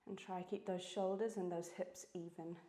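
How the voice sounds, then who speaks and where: A woman's voice: lowish voice, fairly even intonation, normal speed, dark tone. Breathless New Zealand woman coaching a workout. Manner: encouraging, breathy cueing while exercising. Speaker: fitness instructor. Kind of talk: workout class instruction. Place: indoor reformer studio. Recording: echoey studio room.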